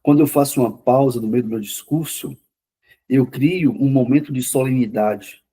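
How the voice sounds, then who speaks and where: A man lectures a class in a quick, conversational way, often repeating words to drive a point home. His voice is dark and mellow, with a slightly husky grain. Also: medium pitch. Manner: says himself he talks fast. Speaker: lecturer on mental health therapy.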